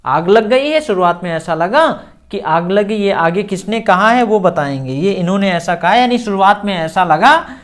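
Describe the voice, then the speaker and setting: A woman with an Indian accent teaching English by reading a newspaper aloud, reading each phrase slowly and explaining it in Hindi. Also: medium pitch.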